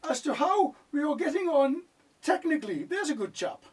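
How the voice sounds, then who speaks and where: A man putting on a pompous upper-class gentleman. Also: very high voice, very animated, takes it slowly, distant mic, voice pushed up, full character voice. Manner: stiff, affected formal phrasing. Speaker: comedy singer.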